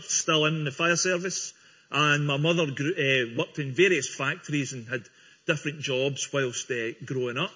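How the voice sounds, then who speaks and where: A man from Scotland stands before a congregation as a guest speaker, giving his church testimony with earnest friendliness and the occasional small restart. His voice is slightly high, sharp, and husky. The recording sounds dull and lo-fi.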